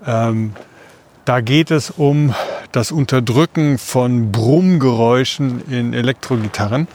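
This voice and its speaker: Male co-host, medium pitch, explaining things casually while out walking. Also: a little slow, darkish tone. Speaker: podcast co-host. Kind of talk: casual podcast chat. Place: outdoors, walking through city parks.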